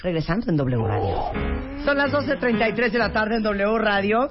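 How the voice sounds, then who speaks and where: A man's voice: high voice, lively intonation, moderate pace, faint music behind. A man with a Mexican accent hosting a radio interview, talking in a joking, informal way. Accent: Mexican Spanish. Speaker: radio host. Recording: muffled radio broadcast sound.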